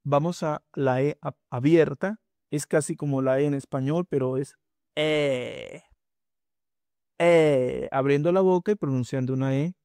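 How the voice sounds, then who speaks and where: A man teaching pronunciation in a spoken lesson, slowly drawing out and repeating vowel sounds for learners. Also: fairly high pitch, dark tone, dry recording, studio quality. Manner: slow, drawn-out demonstrations of vowel sounds.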